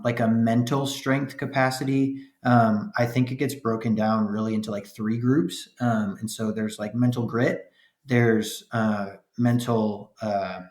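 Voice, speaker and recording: A man's voice: medium pitch, roomy sound. A man in his thirties, a podcast guest, talking earnestly and steadily with plenty of "um" and "right?". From upstate New York. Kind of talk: casual interview chat.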